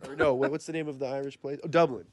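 A man joking around in casual banter, goofy and quick to clown. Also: mid-range voice. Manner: goofy, jokey, lively. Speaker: podcast guest.

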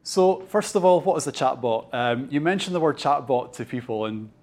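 A man's voice: medium pitch, lively intonation, normal speed, a little mellow. Chatty man giving a business talk. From Scotland. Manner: chatty, many ums and restarts, laughs at own jokes. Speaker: company co-founder giving a talk. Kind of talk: conference presentation. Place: event room with an audience.

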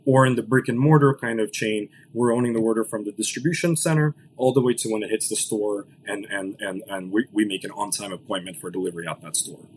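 Speaking quickly about his business, a late-20s founder from Los Angeles is interviewed on a podcast, with many restarts and repeated "right?". His voice is lowish, the audio quality is poor, and slight background noise is present.

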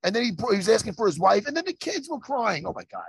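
A man hosts a loose, profane chat, telling stories at a lively clip. His voice sits high and swings widely, with a gravelly, husky edge. The sound is close and dry. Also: fast talker, no echo. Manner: animated, profane, laughing storyteller. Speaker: podcast host. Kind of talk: casual chat.

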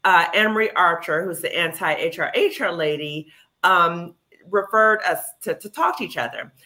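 A woman in her fifties with a bright, forward voice hosts a casual podcast conversation. She talks in a chatty, animated way, full of ums and quick asides. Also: lowish voice. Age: 50s. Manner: chatty, animated, with many fillers. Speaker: clinical psychologist, podcast host.

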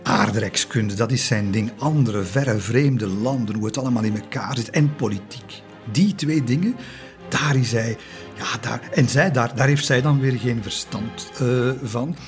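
A man's voice: medium pitch, unhurried, soft background music. A man telling a history story in a conversational, hesitant way, with many fillers and tag questions. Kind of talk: casual spoken history narration.

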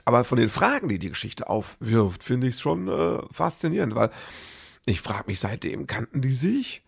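Comedian guy, gravelly and a bit raspy, chatting loosely and correcting himself a lot. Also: mid-range voice, big pitch swings, normal speed. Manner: rambling, self-correcting anecdotes. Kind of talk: casual monologue.

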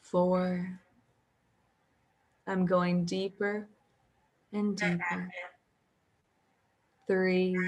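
A woman guiding a hypnosis session as a hypnotherapist, speaking softly and soothingly in repetitive phrases. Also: on the low side.

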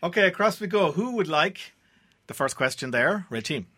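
A man's voice: high voice, animated, moderate pace, bright, forceful tone. An Irish man hosting a radio trivia quiz from a studio, introducing and moving things along in presenter style. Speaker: quiz show host.

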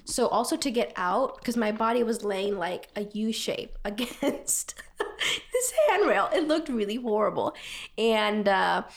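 Animated young woman telling a story. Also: on the high side. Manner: animated, laughing, fillers of "like". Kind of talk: casual chat, storytelling.

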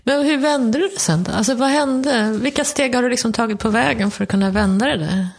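A woman's voice: fairly high pitch, breathy edge. A woman host putting short, prompting questions to her guest. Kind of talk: interview questions.

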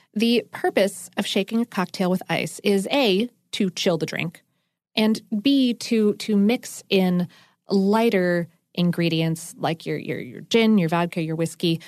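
A woman's voice: medium pitch, a little mellow, no echo. This is a woman co-hosting a food podcast, chatty and enthusiastic, wandering into asides as she explains. Her voice sits mid-range and is recorded dry and close. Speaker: podcast co-host. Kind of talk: casual chat explaining food science.

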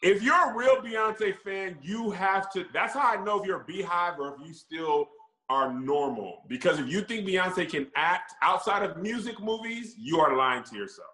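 A man co-hosting a casual podcast chat, talking in an animated, teasing way. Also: sits high, normal speed, reverberant, low-quality recording. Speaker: podcast co-host.

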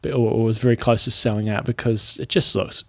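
A man's voice: lowish voice, flat delivery, fast talker, fairly bright tone. A man co-hosting a podcast, bantering casually with dry, laconic remarks. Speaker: podcast co-host.

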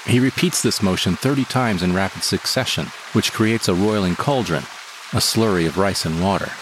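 A man reading a first-person story in a calm, measured way. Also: low voice, background noise. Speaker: narrator. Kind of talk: scripted first-person narration. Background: guitar music.

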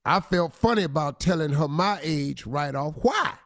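A man's voice: fairly high pitch, expressive, normal speed, a bit bright. A man co-hosting a comic advice talk segment, teasing the letter writer and acting out his lines. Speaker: radio show co-host giving advice. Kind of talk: comic relationship advice chat.

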